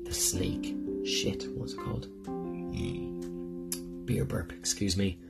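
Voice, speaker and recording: A man's voice: low-pitched, little pitch movement, slow, gravelly. A man hosting a podcast in a rambling, heartfelt personal monologue, swearing often as he talks. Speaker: podcast host. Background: guitar music.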